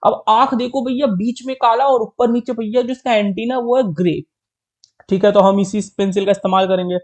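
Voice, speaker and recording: Playful high-voiced man narrating a drawing. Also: fairly even intonation. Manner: playful, self-mocking, repeats "ठीक है" and drawn-out "you". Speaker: drawing video creator. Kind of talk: comedic drawing tutorial narration.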